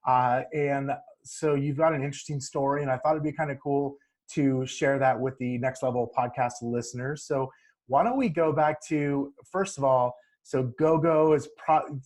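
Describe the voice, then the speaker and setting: A man hosting a podcast, asking questions in a relaxed, friendly way with frequent restarts. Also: a little high, moderate pace. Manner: easygoing, repeats and restarts, friendly. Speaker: podcast host. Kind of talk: casual interview.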